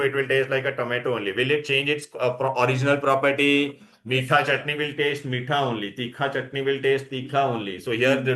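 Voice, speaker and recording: A man's voice: mid-range voice, sharp tone. A male school science teacher with an Indian accent, teaching a class in English mixed with Hindi, repeating points and checking understanding with short tag questions. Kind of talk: classroom lesson with questions to students.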